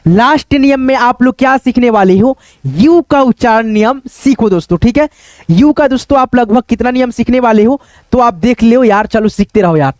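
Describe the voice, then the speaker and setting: Man teaching English, very high voice, spells words letter by letter, dry close sound. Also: a little mellow, no room sound. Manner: repetitive, keeps saying "okay friends" and "look here"; spells words letter by letter, then says them slowly.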